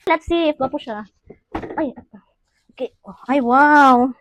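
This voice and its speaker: A woman's voice: high-pitched, slow pace, fairly bright tone. A woman with a Cebuano accent, chatting upbeat at home in a casual unboxing vlog and switching often into English. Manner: chatty, upbeat, mixes English with local speech. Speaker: vlogger.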